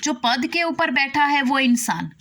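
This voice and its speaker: Female teacher, unhurried, repeats terms, asks if the class understood. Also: high-pitched, animated, a bit bright. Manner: explains slowly, repeating words and asking "did you understand?". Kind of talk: classroom grammar lesson.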